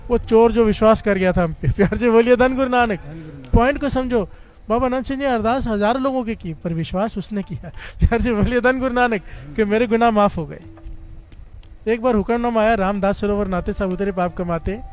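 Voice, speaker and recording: This high-voiced man talks a little fast as he gives a passionate Sikh katha. It's a devotional sermon where he tells a story and repeatedly draws responses from the congregation, frequently guiding them in "dhan guru nanak."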